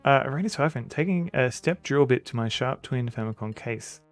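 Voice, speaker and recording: A man's voice: medium pitch, expressive, normal speed, soft background music. A man chatting casually on a live stream as he plays a retro adventure game, rambling in an easygoing way.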